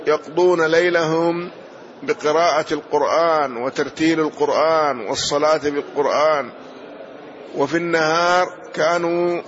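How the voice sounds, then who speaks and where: A man teaching a hadith lesson, explaining each point in a measured way and often pausing on "na'am". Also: fairly high pitch, a bit bright, a little hiss or hum. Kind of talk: slow explanatory lesson commentary. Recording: dull lo-fi recording.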